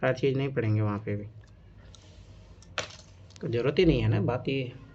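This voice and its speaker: A man's voice: medium pitch, moderate pace, slight background noise. A man teaching a casual exam-coaching class, emphatic and repetitive, often teasing his students. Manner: emphatic and repetitive, keeps saying "look now"; chatty, teases students. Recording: dull lo-fi recording.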